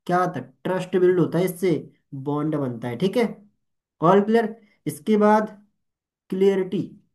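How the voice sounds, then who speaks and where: A young man training network marketers, speaking Hindi mixed with English and often checking if everyone is following. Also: high-pitched. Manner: animated, keeps asking "ठीक है?" and "All clear?"; mixes Hindi with English words. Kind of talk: motivational training talk.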